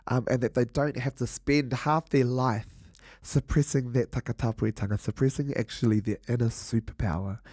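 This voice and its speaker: A man from Northland with a New Zealand Māori accent, a podcast guest speaking earnestly and haltingly with many fillers. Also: mid-range voice, mellow, dry recording, clean studio sound. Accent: New Zealand Māori English. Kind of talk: reflective interview talk.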